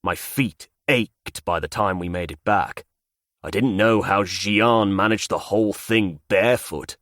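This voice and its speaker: Male audiobook narrator, first-person fantasy, measured and low, dry studio sound. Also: fairly bright tone, dry recording.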